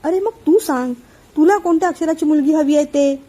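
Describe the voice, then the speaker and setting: A woman voicing a meddling, sharp-tongued middle-aged aunt who prods and scolds. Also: high voice, animated, moderate pace. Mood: prying.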